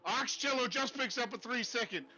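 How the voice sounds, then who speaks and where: A man commentating a sim race in a put-on Texas accent, folksy and excitable. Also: very high-pitched, normal speed, highs cut off, faint music behind.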